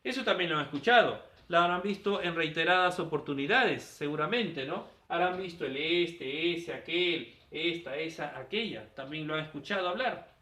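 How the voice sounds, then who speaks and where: A man's voice: fairly high pitch, lively intonation, moderate pace, bright, forceful tone. A male teacher giving a grammar lesson, firing questions at his students and answering them himself. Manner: quizzing students with rhetorical questions. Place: classroom. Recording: echoey room, voice from a distance.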